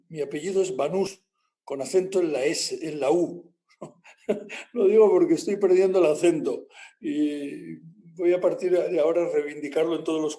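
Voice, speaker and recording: A man's voice: on the high side, dark tone. A male university lecturer giving class announcements in a loose, rambling way, with many fillers and frequent tag questions.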